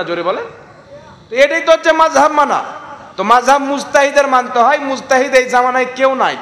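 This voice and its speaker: A man's voice: high-pitched, a bit bright, roomy sound, big-room sound. A man preaching a sermon with a West Bengal Bengali accent, exhorting the crowd with emphatic rhetorical questions. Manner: exhorting, calls on the crowd to respond. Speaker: Islamic preacher.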